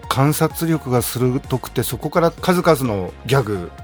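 A man's voice: medium pitch, expressive, measured pace, faint music behind. A man hosting a studio interview, courteous and attentive, reading out the guest's profile. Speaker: interview host.

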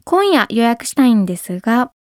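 A woman teaching English pronunciation, speaking clearly and patiently and modeling words slowly. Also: a little high, sing-song, a little mellow, dry recording, studio quality. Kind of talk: pronunciation lesson.

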